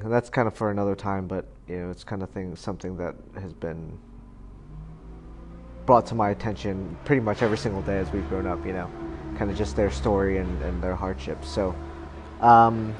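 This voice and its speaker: A man's voice: lowish voice, normal speed, a little mellow, a little hiss or hum. A man in his thirties, a guest in a casual conversation, talking in a rambling way with many fillers and restarts. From United States. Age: 30s.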